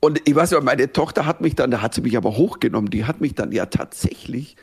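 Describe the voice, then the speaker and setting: A middle-aged man, the guest author, telling stories in an animated, rambling way, repeating words and breaking into laughs. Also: medium pitch, quick pace, creaky, slightly rough. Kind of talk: animated storytelling chat.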